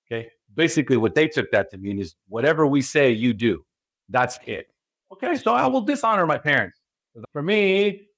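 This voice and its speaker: This dry recording captures a man with a medium-pitched, slightly bright voice. He is a spiritual guide from California with an American accent, speaking emphatically in an interview and repeatedly asking rhetorical questions.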